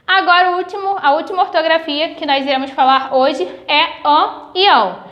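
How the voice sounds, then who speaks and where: A woman teacher with a Brazilian accent giving a recorded grade-school lesson, patiently spelling out sounds slowly. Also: very high-pitched, dull audio. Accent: Brazilian Portuguese.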